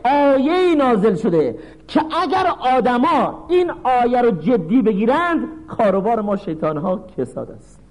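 A man's voice: very high-pitched, very animated, heavily acted, rough recording. A man preaching a sermon, voicing the chief devil as a bossy leader who hands down curt verdicts. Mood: alarmed. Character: Iblis, chief male devil, commanding. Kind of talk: sermon storytelling.

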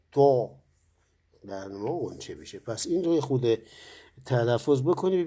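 A man teaches students in a recorded lesson. His voice is mellow and slightly husky. He explains patiently, pausing often and using fillers. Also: mid-range voice. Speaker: Quran recitation teacher.

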